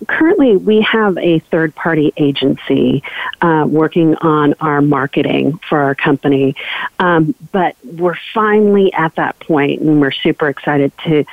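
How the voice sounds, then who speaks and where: A woman's voice: deep voice, vocal fry, dry recording. Woman calling in over a tinny phone line. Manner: hesitant, many ums and restarts. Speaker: radio show caller. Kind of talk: casual call-in question.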